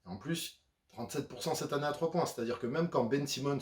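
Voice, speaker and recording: A man's voice: medium pitch, quick pace, echoey room. Chatty man breaking down basketball. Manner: chatty, conversational with frequent fillers. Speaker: basketball YouTuber. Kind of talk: casual sports analysis.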